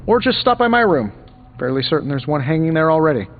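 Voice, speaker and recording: A man's voice: fairly high pitch, very animated, fast. A man playing a wisecracking, jittery genius inventor superhero in a video game, with a glib, sarcastic, theatrical delivery. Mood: mock dread. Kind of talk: video game dialogue acting. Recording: tinny band-limited audio, music underneath. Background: background music.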